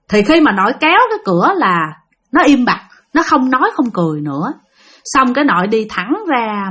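A woman's voice: mid-range voice, breathy edge. A woman with a Southern Vietnamese accent narrating a ghost story, talking straight to her listeners. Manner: animated, addressing listeners directly.

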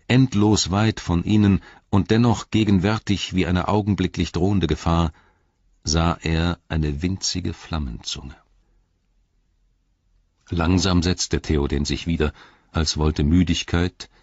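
Deep, slow, husky male narrator. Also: a little mellow, no room sound. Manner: measured, solemn. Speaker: audiobook narrator. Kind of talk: scripted narration. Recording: dull, lo-fi audiobook recording.

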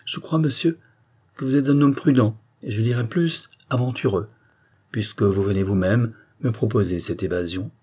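A man voicing a calm, dignified royalist marquis who speaks with serene, solemn firmness in an audiobook reading. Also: on the low side, moderate pace, breathy edge. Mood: solemn resolve. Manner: serene, solemn, firm declamation.

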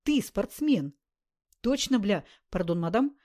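A woman voicing a loud, boastful male gangster who talks in rough slang. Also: medium pitch, lively intonation, slow pace. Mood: boisterous.

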